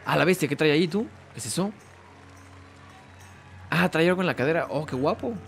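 A man's voice: a little high, expressive, fairly quick, creaky, soft background music. A man with a Mexican accent, chatting casually and joking while he plays and comments on a game. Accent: Mexican Spanish. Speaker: gaming YouTuber.

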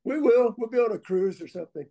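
A man's voice: very high-pitched, lively intonation, fast talker, gravelly, dark tone, lo-fi sound. A man in his seventies, a guest musician on an interview podcast, giving short, amused reactions. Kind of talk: casual interview chat.

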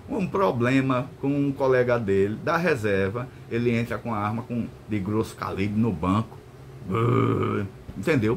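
An older man explaining the law in a casual, emphatic way. He repeats himself and keeps checking that the listener follows. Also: slight background noise. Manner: emphatic, repetitive, keeps asking "entendeu?" and saying "meu irmão"; lively swings in pitch, mock-stern asides. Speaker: law lecturer answering viewer questions.

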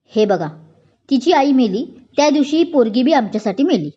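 A woman's voice: high-pitched, lively intonation, normal speed, warm tone, slightly rough, lo-fi sound. A woman voicing a callous brothel madam. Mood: mocking. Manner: cold, mocking.

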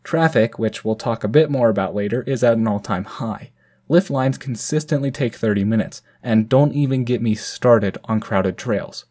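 A man's voice: mid-range voice, dark tone. A man from the United States hosting a channel and narrating a scripted ski review as voice-over. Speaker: channel host.

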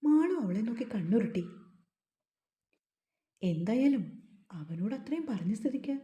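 A woman narrating a romance story in a calm, steady reading voice. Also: fairly high pitch, a little slow. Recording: roomy echo.

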